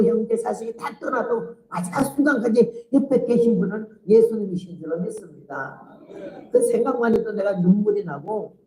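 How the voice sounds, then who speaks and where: An older woman missionary preacher telling her life story in a sermon, animated and vivid, often laughing. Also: medium pitch, reverberant, low-quality recording. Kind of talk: sermon testimony.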